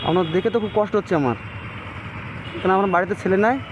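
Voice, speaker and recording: A man with a West Bengal accent, asking gentle, coaxing questions as a vlogger helping the poor. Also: high-pitched, fast talker. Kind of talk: street vlog interview. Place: outdoors on a busy street. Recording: muffled audio with street noise.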